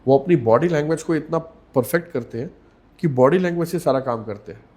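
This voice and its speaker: A man speaking as a communication coach in a podcast interview, measured and emphatic, repeating key words and slipping English phrases into Hindi. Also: a little high, darkish tone, husky.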